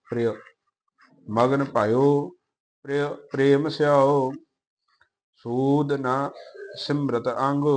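A man reciting scripture slowly in a measured chant, with quick, quieter spoken notes on pronunciation. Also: medium pitch.

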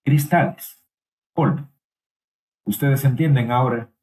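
Guy interpreting a medical talk live, mid-pitched voice, stops and restarts a lot. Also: darkish tone, low-quality recording. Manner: halting, with pauses, fillers and restarts. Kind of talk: simultaneous interpretation of a medical lecture.

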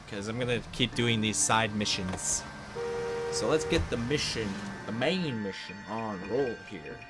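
A man from Canada giving casual, joking commentary over a video game, with sweary, mock-heroic banter. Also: mid-range voice.

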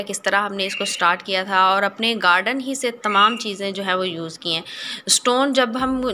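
A woman narrating a voice-over for her garden makeover video, explaining each step calmly with small hesitant pauses. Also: medium pitch, background noise. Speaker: gardening channel host.

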